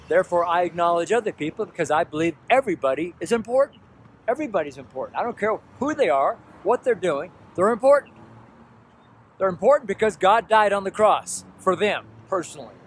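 A man in his sixties preaching outdoors beside a road, talking earnestly into a camera held at arm's length and repeating his points with pleading emphasis. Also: high voice. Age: 60s. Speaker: street preacher. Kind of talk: outdoor street sermon to camera. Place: roadside outdoors by traffic. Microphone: selfie camera at arm's length. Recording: faint traffic noise outdoors.

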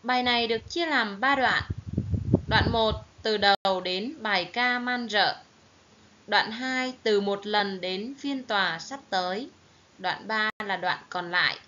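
Slow-spoken Vietnamese woman teacher, lo-fi. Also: medium pitch, pushed and bright. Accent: Southern Vietnamese. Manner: slow, careful, clearly enunciated teaching delivery. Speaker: primary school teacher. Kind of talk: recorded online reading lesson for children. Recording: dull lo-fi recording with faint hiss.

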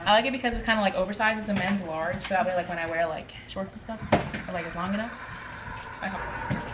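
Talking fast at a medium pitch, a young American woman from Maryland films a day-in-the-life vlog indoors at home, rambling with plenty of "like". The home camera, propped close or held out at arm's length, picks up clearly noisy sound.

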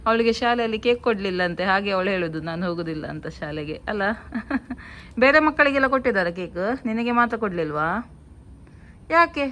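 A woman, a mother chatting casually in her home vlog and gently coaxing her child. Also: mid-range voice, animated, moderate pace.

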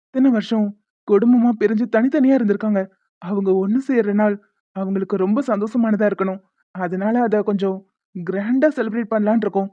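A woman voicing a reassuring young man in an animated drama. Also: medium pitch, no echo, close to an everyday voice. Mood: earnest. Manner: brisk, reassuring. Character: young man, caring brother figure. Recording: dull lo-fi dry sound.

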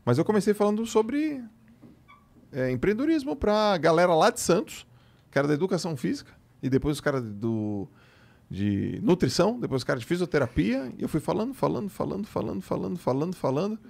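A man's voice: sits high, a little fast, creaky. A man in his late thirties with a Brazilian Portuguese accent, telling a story as a podcast guest in casual chat and acting out the dialogue. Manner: animated storyteller who acts out quoted dialogue.

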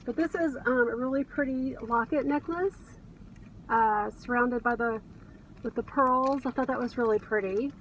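Her voice is a little high and her speed normal as this middle-aged American reseller vlogger gushes casually to camera about thrift finds. She's in her car, and the distant mic picks up background noise in the cabin.

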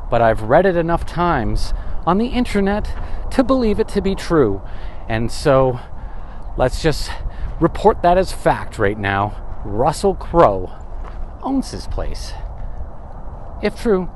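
In the open desert, a travel vlogger in his thirties narrates his walking tour through a handheld camera or phone mic, casual and wry, often questioning himself. His voice sits in the mid range, and the recording carries a little hiss or hum.

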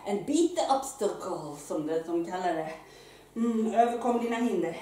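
A woman fitness coach who is out of breath, leading a workout with energetic, loud exclamations while she exercises. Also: mid-range voice. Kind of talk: live workout instruction. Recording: very echoey room, mic far off, faint noise.

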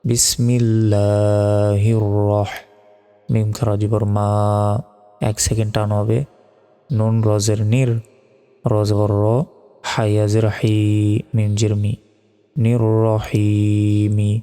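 A man's voice: lowish voice, completely flat delivery, a little slow, long pauses, warm tone, in a large hall. A man from Bangladesh giving a recitation lesson, spelling out each letter and vowel, then chanting the words long and drawn out. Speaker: Quran recitation teacher.

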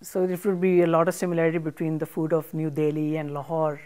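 Speaking fast with a flat delivery, an older woman from Pakistan who works as a chef and author gives thoughtful interview answers full of fillers. Her voice is low and mellow, picked up by a lapel mic on a studio set with armchairs and plants.

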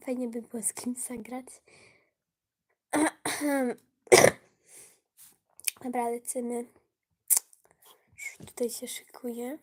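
A woman's voice: fairly high pitch, steady tone, very slow, pauses often, a little mellow. A woman live-streaming games who talks to her viewers, often slipping into a whisper, her voice touched by a cold and easily flustered when she loses. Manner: often drops to a whisper while playing. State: voice affected by a cold. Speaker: gaming livestreamer. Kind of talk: casual live gaming stream.

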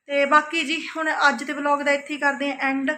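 A tired, chatty Punjabi woman in her thirties talks through her day in a casual family home vlog, often ending sentences with a questioning "hanna," meaning "right?". Her voice sits high and level, a little fast, bright and forceful, with a slight hiss or hum.

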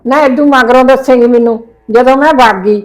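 A woman's voice: sits high, brisk, faint music behind, close to an everyday voice, low-quality recording. An actress playing a caring middle-aged mother who coaxes and reassures her daughter in a drama. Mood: soothing. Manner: coaxing, reassuring. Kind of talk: Punjabi web drama acting.

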